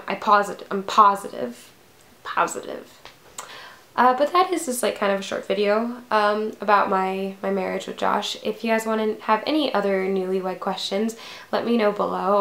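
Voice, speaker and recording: A young woman in her early twenties chats to her viewers in a loose, rambling vlog, filling gaps with "like" and "um". Her mid-pitched voice has a gravelly, creaky edge. The room around her is noticeably echoey. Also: a bit bright. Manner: rambling, many "like" and "um" fillers. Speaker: vlogger. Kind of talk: casual vlog talk to camera.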